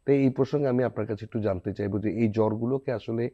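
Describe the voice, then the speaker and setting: A man's voice: fairly low pitch, quick pace, warm tone, muffled recording. A man hosting a TV health program in a studio, asking long questions with hesitant fillers. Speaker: host.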